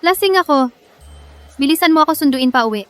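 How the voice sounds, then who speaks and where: Cutesy drunk young woman in love, high voice, drama dub, bit of music. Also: lively intonation, a little fast, no echo. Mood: drunken, clingy. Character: tipsy, lovestruck young woman, cutesy and clingy. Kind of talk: dubbed drama acting.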